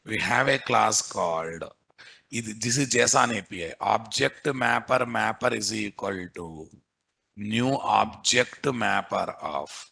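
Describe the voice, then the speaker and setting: A man's voice: lowish voice, slow pace, creaky, bright, forceful tone, husky. A man with a Telugu accent teaching a live coding class as the instructor, repeating himself and peppering students with questions. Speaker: programming instructor.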